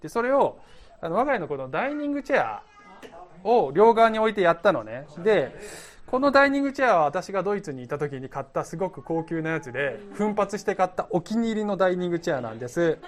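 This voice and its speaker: A man giving a relaxed, conversational sermon as pastor. He tells stories from his own life and often laughs at himself. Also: high-pitched, quick pace.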